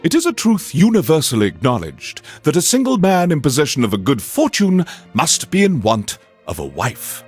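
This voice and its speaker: Casting: cultured alien tyrant hosting classical radio, husky, highly animated, grandly theatrical game voice. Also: male voice, normal speed, hardly any pauses, soft background music, exaggerated voice. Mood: stately. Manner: theatrical, pompous, refined. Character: pompous alien overlord playing a cultured radio host. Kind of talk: classical radio DJ and literary narration.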